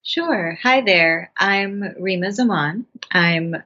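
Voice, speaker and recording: A mid-range female voice with a sharp tone, taking things slowly, belongs to a Bangladeshi writer and actress in her thirties being interviewed. Her reflective answers are earnest and thoughtful, with many restarts, and the audio is dull lo-fi.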